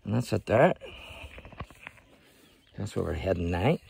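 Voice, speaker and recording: A man's voice: on the low side, lively intonation, measured pace, vocal fry, darkish tone, slight background noise. A middle-aged man, chatting enthusiastically to viewers as he films a walking tour outdoors on his phone. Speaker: history trail guide. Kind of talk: casual walking tour vlog. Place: outdoors in a rural graveyard.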